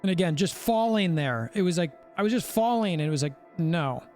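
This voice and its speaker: A man hosting a gaming channel, giving animated gameplay commentary and repeating himself for emphasis. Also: high-pitched, quick pace, faint music behind.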